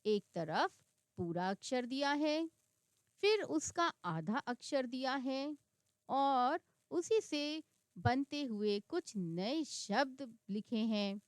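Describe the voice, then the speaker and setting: A woman teacher giving a reading lesson for children, slowly and clearly sounding out words one by one. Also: sits high, animated, no room sound, clean studio sound.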